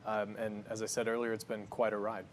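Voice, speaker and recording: A man's voice: on the low side, brisk, a little hiss or hum. A man, a company founder, talking confidently through a cooking demo and interview in a studio kitchen. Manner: confident, energetic, explains as he works.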